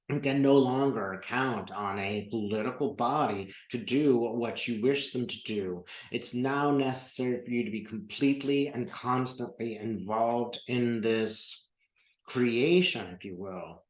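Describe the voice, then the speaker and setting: A man giving a channeled spiritual talk in the manner of a seance medium, with measured, deliberate and formal phrasing. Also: medium pitch, roomy sound, poor audio. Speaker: trance channeler.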